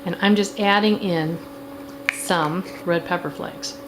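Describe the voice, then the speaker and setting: A woman's voice: on the low side, fairly even intonation, takes it slowly. A middle-aged woman playing a campy, glamorous housewife who hosts a chatty cooking demonstration with a theatrical drag-queen manner. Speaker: cooking show host. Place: home kitchen. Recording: clear background noise in kitchen.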